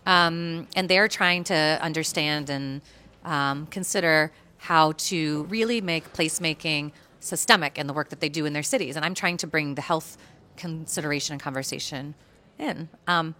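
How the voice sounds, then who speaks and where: A woman's voice: low voice, normal speed, pushed and bright. An American woman speaking at a panel in a chatty, conversational way, with many fillers and restarts. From United States. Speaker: guest speaker at an urban planning event.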